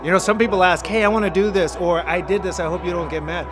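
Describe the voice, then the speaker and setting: A man's voice: high-pitched, fairly even intonation, fast. Earnest man with a slightly raised voice. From Los Angeles. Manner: earnest, motivational. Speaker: artist interviewed. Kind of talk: reflective interview talk. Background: music.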